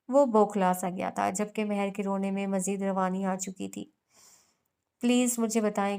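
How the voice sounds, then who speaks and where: A woman narrating a romance novel in a steady storytelling manner. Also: medium pitch, clean tone. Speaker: audiobook narrator.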